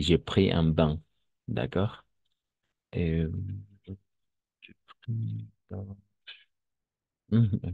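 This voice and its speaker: A man teaching French in an online lesson, speaking slowly and patiently, repeating phrases and switching into Spanish. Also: low voice, creaky, no room sound, phone-quality sound.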